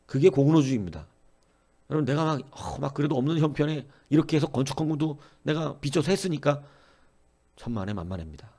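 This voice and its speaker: A man's voice: on the high side, animated, fast, dark tone. A male pastor giving an early-morning sermon, earnestly exhorting and repeatedly addressing the congregation. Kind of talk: dawn-service sermon.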